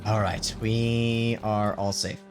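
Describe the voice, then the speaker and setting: A man hosting a video game let's play, thinking aloud in casual gameplay commentary with lots of pauses. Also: lowish voice, level tone. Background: game music.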